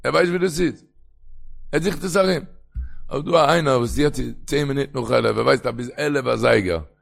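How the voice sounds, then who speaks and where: A man's voice: medium pitch, fairly quick, gravelly. A man giving a traditional religious lecture in an emphatic manner, often slipping into a sing-song chant. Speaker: religious teacher.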